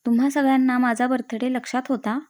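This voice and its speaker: A woman storyteller voicing a young husband who teases his wife and loses patience, in a slightly lowered, quieter voice. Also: steady tone, quick pace, natural voice. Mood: affectionate teasing. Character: young husband, teasing then irritable.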